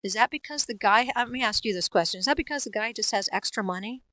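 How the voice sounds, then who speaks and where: Animated woman voice actor, dry studio sound. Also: on the high side, fast, no room sound. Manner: animated, laughs often, slips into character voices. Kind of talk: casual interview talk.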